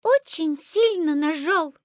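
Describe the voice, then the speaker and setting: A man voicing a tiny male clockwork creature in an audiobook, with a squeaky, excited manner. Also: slow, no room sound, studio quality. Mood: eager. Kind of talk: audiobook character voice.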